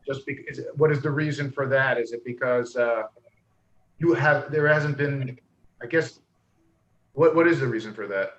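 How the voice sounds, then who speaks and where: A man's voice: medium pitch, normal speed, pauses often, a little hiss or hum. An American man asks curious follow-up questions in a casual chat. His voice sounds roomy and echoey, and the mic is dull and lo-fi. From United States. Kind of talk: casual group discussion.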